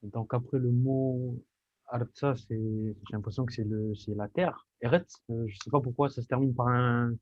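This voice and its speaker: A man's voice: mid-range voice, steady tone, normal speed, no echo, dull audio. A man asking a question in an online class, hesitant and thinking aloud. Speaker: student.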